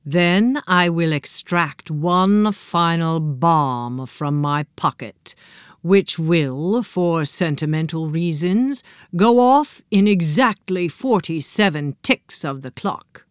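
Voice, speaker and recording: A woman voicing an evil, scheming male circus clown who talks slowly and gloats. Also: lowish voice, clean tone, dry recording, studio quality. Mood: gloating. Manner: slow, gloating, menacing.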